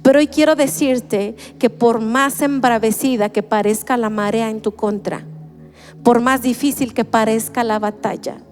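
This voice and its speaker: A woman, preaching a sermon in an earnest, measured way and slowing down for emphasis. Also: a little high, steady tone, darkish tone, in a large hall. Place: church.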